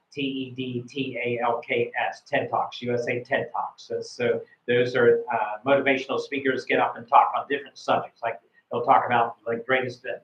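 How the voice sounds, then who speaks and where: A man's voice: medium pitch, a bit bright. Man, American accent, middle-aged, tutor, casual rambling speech, many fillers, echoey room, muffled sound. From United States. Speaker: IELTS speaking tutor. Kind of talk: casual live coaching.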